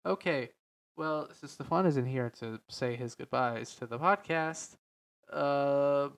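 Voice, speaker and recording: A man hosting a casual podcast on entertainment in a deep, slightly stuffy voice, rambling and correcting himself as he goes. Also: measured pace, vocal fry, a bit bright. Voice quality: slightly stuffy, nasal sound. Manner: hesitant, rambling, self-correcting, frequent "like". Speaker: podcast host. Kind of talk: casual unscripted podcast talk about games and films.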